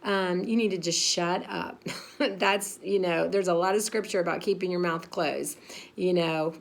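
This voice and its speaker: A woman's voice: on the low side, fairly even intonation, unhurried, creaky. A woman in her fifties, a pastor's wife, giving a frank, chatty devotional talk with lots of fillers and laughing at herself. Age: 50s.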